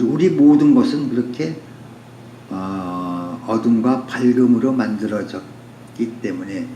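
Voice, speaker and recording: Warm and mid-range, the voice belongs to a man speaking as a poet, an author giving an unscripted, reflective talk. He philosophizes poetically and repeats phrases for rhetorical effect. There's an echoey room sound and faint background noise.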